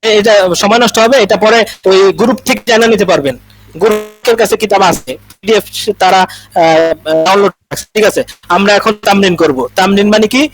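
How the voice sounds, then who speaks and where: A man's voice: high-pitched, normal speed, faint music behind, rough recording. A man teaching an Arabic class over a video call, drilling words and often checking in with his students. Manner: repetitive drilling, frequent "thik ache". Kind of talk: online class instruction.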